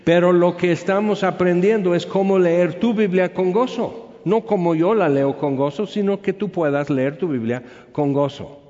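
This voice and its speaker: Man leading a Bible study, fairly high voice, talky, long reverb in a hall, muffled sound. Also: normal speed, few pauses, warm tone. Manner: conversational, checks in with listeners. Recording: echoey hall, dull sound.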